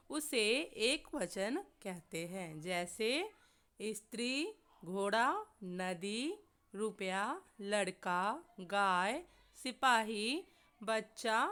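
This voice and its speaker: A woman with a bright, clear voice and a fairly high pitch gives a grammar lesson very slowly. She sets out her examples word by word and puts questions to her listeners before she answers them herself. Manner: slow and deliberate, lists examples one word at a time, asks questions and answers them. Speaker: Hindi grammar teacher. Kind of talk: slow explanatory classroom lesson.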